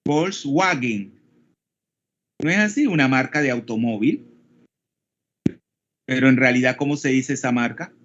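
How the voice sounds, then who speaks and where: A man's voice: medium pitch, normal speed, long pauses, fairly bright tone. A man with a Panamanian Spanish accent, teaching an online class and explaining step by step while he keeps checking in with his students. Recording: dull lo-fi call audio.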